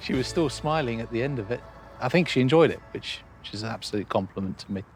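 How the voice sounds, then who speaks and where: A man's voice: medium pitch, lively intonation, fast talker, faint music behind. A man who runs a smokehouse, chatting as a guest on a cookery show in a friendly, hesitant way with plenty of fillers. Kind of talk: casual interview chat.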